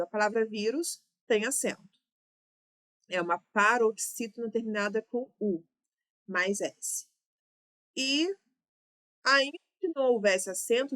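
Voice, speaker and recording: A woman with a Brazilian Portuguese accent teaching an exam-prep grammar lesson, explaining answers step by step and checking in with her students. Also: a little high.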